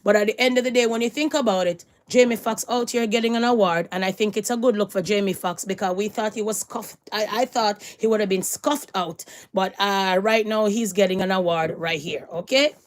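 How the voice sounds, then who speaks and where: Woman, live stream host, casual rambling news chat, mid-pitched voice. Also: fairly quick, hardly any pauses. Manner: chatty, rambling, repeats allegedly.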